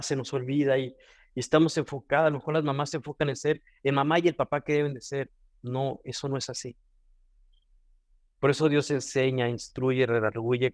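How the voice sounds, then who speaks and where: A man's voice: mid-range voice, darkish tone, no echo, clean studio sound. Earnest Mexican man teaching devotionally. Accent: Mexican Spanish. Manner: earnest, repeats and restarts phrases. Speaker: devotional speaker.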